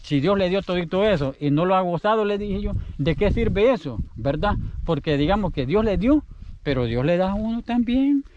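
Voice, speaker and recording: A man's voice: high voice, expressive, normal speed, a little mellow, muffled recording, a little hiss or hum. A Salvadoran man telling a story in casual, rambling speech, often repeating himself. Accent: Salvadoran Spanish. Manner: chatty, rambling, repeats his words. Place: outdoors in the countryside.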